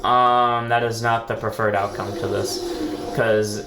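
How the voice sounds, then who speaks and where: A gaming video host with a sore throat sounds sick as he casually rambles through commentary on his own card game match, often correcting himself and swearing now and then. His voice is on the low side, a little slow, with little pitch movement and vocal fry, recorded in an echoey room with faint background music.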